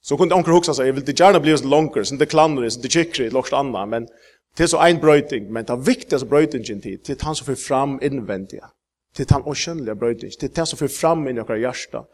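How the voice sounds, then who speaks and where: A man's voice: medium pitch, darkish tone. Emphatic preacher, man. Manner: halting with many fillers, rising to emphatic peaks. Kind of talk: sermon.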